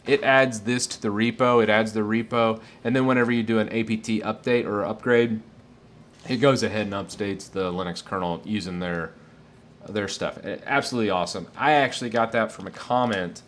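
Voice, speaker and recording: A man's voice: lowish voice, fairly quick, a bit bright, slight background noise. Chatty man hosting a tech stream. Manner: enthusiastic, chatty, rambling with fillers. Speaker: tech streamer answering viewer questions. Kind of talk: casual live-stream Q&A.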